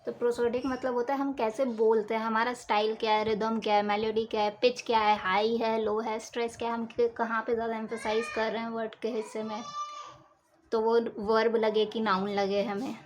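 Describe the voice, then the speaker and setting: Higher-voiced woman teaching a lesson. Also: flat delivery, slight background noise, poor audio. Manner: explains slowly with examples, repeats key terms. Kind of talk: Hindi lecture for exam preparation.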